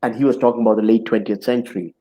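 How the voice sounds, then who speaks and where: A middle-aged man hosting a live video-call interview, speaking in a measured, reflective and philosophical way. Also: on the low side, fairly even intonation, muffled recording. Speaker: host and interviewer.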